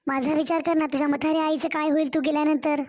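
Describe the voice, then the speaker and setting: A woman's voice: sits high, level tone, quick pace, a little mellow, close to an everyday voice. A woman voicing an older village mother, doting and worried, coaxing her daughter in a cartoon story. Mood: fussing. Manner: fussing, coaxing.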